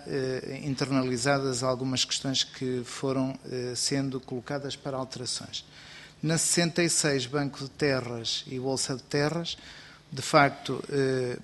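A man presenting as an agency president at a formal hearing, speaking in a measured, bureaucratic way with frequent "eh" fillers. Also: medium pitch, a bit bright. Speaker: agency president giving testimony. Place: parliamentary committee room. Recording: long hall reverb.

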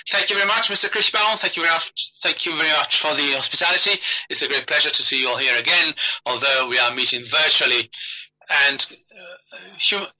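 A man working as a live conference interpreter, giving a translation voice-over of a formal speech in halting phrases with restarts. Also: fairly high pitch, sharp tone, low-quality recording. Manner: translation voice-over, relaying a speaker with hesitations and restarts.

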